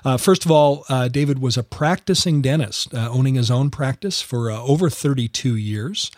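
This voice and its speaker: An American podcast host runs an interview show in a casually chatty, rambling style full of filler words and restarts. His medium-pitched, darkish voice has lively intonation and a moderate pace, captured in a dry, studio-quality recording.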